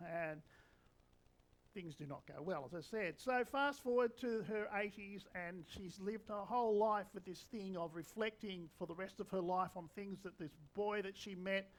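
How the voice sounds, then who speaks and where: A man's voice: high voice, normal speed, poor audio. A man in his sixties, a preacher giving a conversational sermon with wry humour. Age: 60s.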